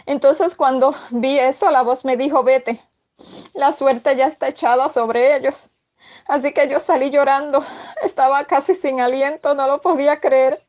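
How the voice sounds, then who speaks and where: High-pitched lady telling her dream testimony, earnest, lots of ums and repeats. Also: fairly even intonation, unhurried, a little mellow, highs cut off. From Puerto Rico. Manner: earnest, with frequent fillers and repetitions. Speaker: testimony speaker recounting a dream. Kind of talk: spoken religious testimony.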